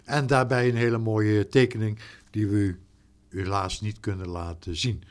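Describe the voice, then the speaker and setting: A man's voice: lowish voice, steady tone, moderate pace. A man hosting a radio show, thanking his guest and signing off. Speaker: radio host.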